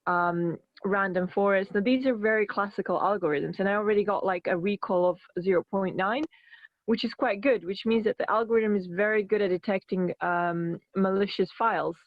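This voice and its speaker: A woman researcher on a phone, presenting her work in an online meeting and pausing often with fillers. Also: mid-range voice, no room sound. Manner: hesitant, many fillers and restarts. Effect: speaking over a phone. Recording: muffled phone-quality audio.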